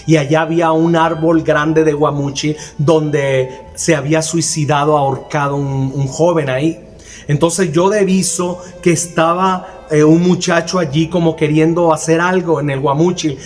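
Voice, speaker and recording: A man's voice: on the high side, flat delivery, measured pace, a little mellow, faint music behind. A man preaching a sermon, earnestly telling a personal testimony and repeating phrases for emphasis. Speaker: minister.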